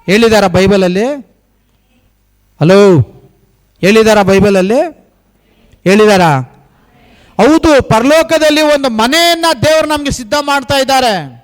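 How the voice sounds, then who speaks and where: A man preaches a sermon in a high voice, pressing his congregation with rhetorical questions. He drives each point home by repeating short phrases in an emphatic cadence, speaking as the pastor of the church. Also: a little slow, pauses often.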